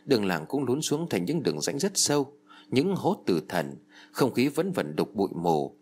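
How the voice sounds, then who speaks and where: A man's voice: medium pitch, very animated, moderate pace, a little mellow, a little hiss or hum. A man reading a first-person novel aloud as an audiobook narrator, telling it expressively. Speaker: audiobook reader.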